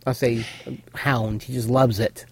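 A man's voice: medium pitch, level tone, a little slow, a little mellow, breathy edge, no echo. A man co-hosting a casual recap chat, explaining and filling in details. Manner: explanatory, adds detail and corrections. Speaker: podcast co-host.

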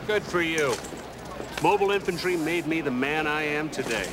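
Jovial army recruiter, played by a man, slightly high voice, film scene with clear background noise. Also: moderate pace, natural voice. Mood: wry, approving. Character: gruffly jovial male military recruiting officer.

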